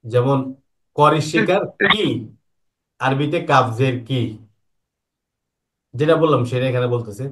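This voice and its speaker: A man teaches an online Quran lesson. His pitch sits in an ordinary middle range. He poses questions and patiently answers them himself, going over each point slowly more than once. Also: lively intonation, fairly bright tone, a little hiss or hum. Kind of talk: online lesson explaining Arabic vowel marks.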